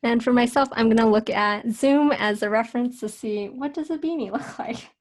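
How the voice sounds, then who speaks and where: A young woman teaching a casual drawing lesson, talking in a relaxed, chatty way with fillers and self-corrections. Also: fairly high pitch, brisk. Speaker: art instructor.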